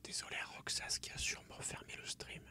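A young man whispering ASMR game commentary softly and close, right in the listener's ear. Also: a little fast. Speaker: game streamer. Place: small room at home, indoors.

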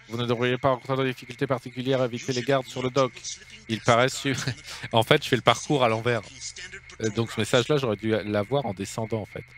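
A man hosts a video game let's play and keeps up a casual running commentary. He jokes as he goes and reads the game's dialogue and news text aloud. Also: mid-range voice.

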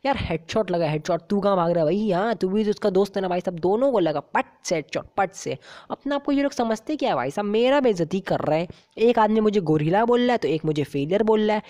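Female YouTuber as a brash baby gangster, excitable game commentary, warm low tone. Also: fast talker. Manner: excitable, chatty, exclaiming often. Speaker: gaming YouTuber. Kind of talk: comic game commentary in character.

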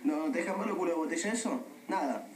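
An actor playing an impatient, brash police colleague with an Argentine accent. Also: male voice, on the high side, lively intonation, fast, roomy sound, distant mic, slight background noise, close to an everyday voice, rough recording. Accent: Argentine Rioplatense Spanish.

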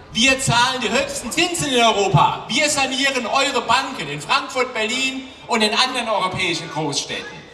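A man's voice: very high-pitched, a little hiss or hum. A middle-aged man giving an impassioned rally speech on an outdoor stage into a handheld mic, asking rhetorical questions. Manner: forceful, rhetorical questions, often shouting. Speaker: rally speaker. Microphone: handheld mic, filmed from the crowd. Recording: distant PA sound echoing outdoors with crowd.

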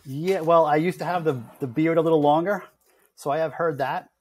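A man's voice: fairly high pitch, steady tone, brisk. A middle-aged man, a guest on a podcast, talking in an easygoing way and chuckling between remarks. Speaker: guest, music industry consultant. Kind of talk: casual podcast interview.

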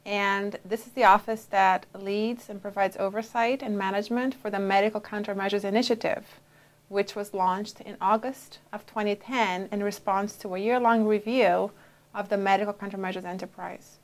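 A woman in her forties, originally from Brazil, answering interview questions in a measured way with frequent pauses and fillers, on a lapel mic in a dark studio. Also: mid-range voice, steady tone. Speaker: interviewee, FDA official.

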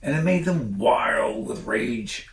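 Captured by a camera a few feet off, the recording feels roomy and distant, with a faint background noise. An older man sits by a stone fireplace in a living room, reading a children's book in a casual, leisurely way and pausing for chatty asides. His mid-range voice is expressive.

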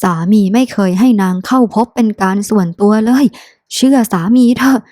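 A woman voicing a young male clan lord who anxiously pleads with his wife, speaking slowly and softly in a storybook reading. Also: mid-range voice, no room sound, studio quality, natural voice. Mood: pleading. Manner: soft, pleading, slow and measured.

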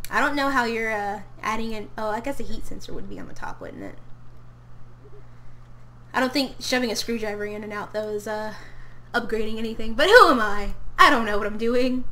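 A woman's voice: fairly high pitch, bright, forceful tone. A young woman from Tennessee, casually chatting and giggling while streaming a game, talking to her character and her chat. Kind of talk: casual live-stream commentary. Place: home room.

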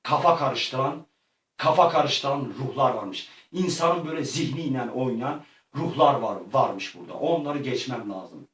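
A man acting out a comic make-believe adventure, excitable and slangy, often yelping and crying out. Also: mid-range voice, unhurried. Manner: excitable, yelps and cries out often; slangy, rough-edged street talk. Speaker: vlogger. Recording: echoey room, far from the mic.

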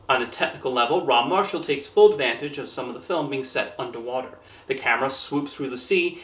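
A movie reviewer in his thirties reads a scripted review in a measured, earnest, carefully worded way, his voice at an ordinary middle pitch. He stands in a small room with posters and shelves that adds a noticeable echo. A camera a few feet away picks him up.

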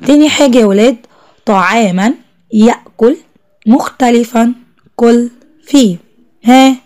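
A young woman with an Egyptian Arabic accent teaches a first-grade class, praising the children often. Her voice sits fairly high but sounds mellow and soft-edged. She stretches out each word slowly when she spells it. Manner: drawn-out slow spelling of words, encouraging praise to children.

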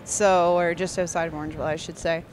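A woman's voice: lowish voice, flat delivery, fast, soft background music. A young Canadian woman from Eastern Ontario, a farmer guest chatting casually with lots of fillers and easy laughter. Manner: chatty, many fillers and restarts, laughs easily. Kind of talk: casual interview chat.

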